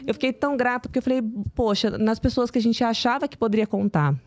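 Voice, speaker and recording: A woman, a nutritionist guest on a podcast, telling a story in animated casual chat and acting out the dialogue. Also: a little high, fast talker. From Brazil. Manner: animated, acts out quoted dialogue.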